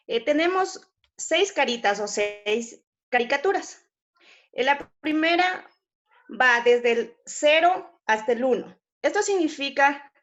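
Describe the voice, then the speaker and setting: A woman's voice: sits high, fairly bright tone. A woman with an Ecuadorian accent, a hospital intern, explains a pain scale to classmates, often asking the audience and using fillers and tag questions. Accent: Ecuadorian Spanish. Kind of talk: class presentation. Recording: muffled lo-fi audio.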